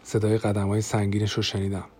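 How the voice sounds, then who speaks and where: A man narrating a first-person diary audiobook in a steady, even manner. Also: on the low side, slightly rough.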